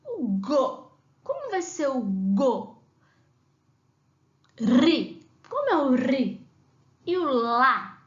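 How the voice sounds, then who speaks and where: Slow patient woman teacher, echoey room. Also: sits high, big pitch swings. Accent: Brazilian Portuguese. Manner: slow, patient, spells out syllables and sounds. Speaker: primary school teacher. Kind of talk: remote class explanation to young children. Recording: echoey room, dull lo-fi sound.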